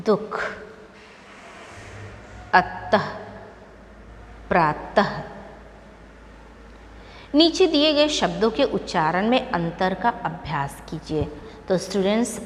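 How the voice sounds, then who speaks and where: A woman teaching a lesson to young students, speaking slowly and patiently and repeating each word aloud for them to echo. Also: mid-range voice, slight background noise.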